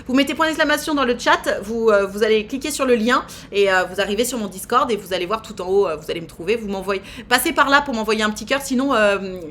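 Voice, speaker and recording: A woman's voice: mid-range voice, fairly bright tone, slight background noise. A woman in her thirties hosting a live stream, chatting casually in a teasing way with lots of fillers. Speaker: streamer host.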